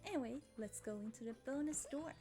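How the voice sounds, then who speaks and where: Talking fast in a high, mellow voice, a young Swedish YouTuber with a Swedish accent gives casual let's play commentary, rambling, apologizing often, and squealing over cute things. Faint game music runs underneath.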